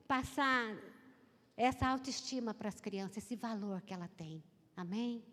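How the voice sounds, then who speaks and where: A Brazilian woman pastor in middle age preaches in a high voice. She tells stories animatedly and acts out the voices of the people in them. Her words ring out with a long reverb in a church hall. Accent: Brazilian Portuguese. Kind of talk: sermon.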